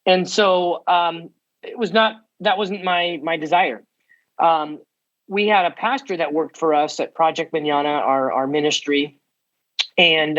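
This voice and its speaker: A man in his forties from the United States, a podcast guest telling his story with energy and quick asides. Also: on the high side, fairly bright tone, lo-fi sound. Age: 40s. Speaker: guest, ministry founder. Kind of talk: podcast interview.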